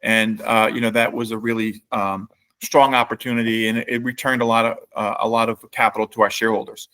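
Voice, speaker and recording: Relaxed middle-aged man. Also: on the low side, fairly quick. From New Orleans, Louisiana. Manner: relaxed storyteller, many fillers and restarts. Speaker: company CEO and guest. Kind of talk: casual podcast interview.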